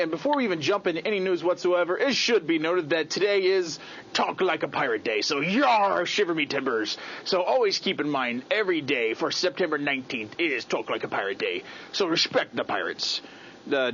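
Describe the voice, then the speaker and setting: A man hosts a daily tech news videocast, reading the stories in a relaxed, chatty way with offhand asides. His voice sits a little high. The sound is dull and lo-fi, with a faint hiss under it. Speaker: news host.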